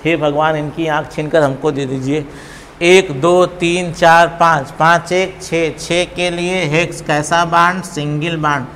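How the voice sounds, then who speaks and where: A man teaches a classroom in a high, unhurried voice. He counts out loud, fires questions at the students and teases them playfully. The sound rings with a long hall echo over faint background noise. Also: level tone. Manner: teasing, calls students babu, counts aloud, quizzes class. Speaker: chemistry teacher. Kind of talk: classroom lecture.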